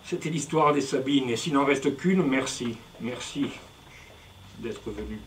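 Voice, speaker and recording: A man delivers playful, punning spoken-word poetry live on stage in a declamatory, rhythmic style. His medium-pitched voice is unhurried, and the distant recording picks up music plus a little hiss or hum.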